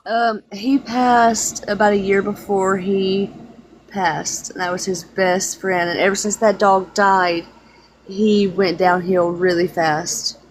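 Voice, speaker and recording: A woman's voice: medium pitch, steady tone, slow pace, a little hiss or hum, rough recording. A woman, the caller in a live-stream reading, answering plainly and informally. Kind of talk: casual chat.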